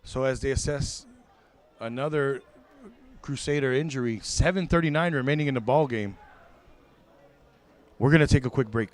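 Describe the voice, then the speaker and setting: A man doing live play-by-play for a high school football broadcast, excitable and quick to correct himself mid-call. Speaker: play-by-play commentator.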